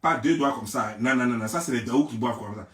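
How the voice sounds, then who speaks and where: A young man from Côte d'Ivoire with an Ivorian French accent, ranting in a theatrical, mocking gossip vlog and often raising his voice to a shout. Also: mid-range voice, quick pace. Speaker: gossip vlogger. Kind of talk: mocking gossip rant to camera. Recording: roomy, mic at a distance.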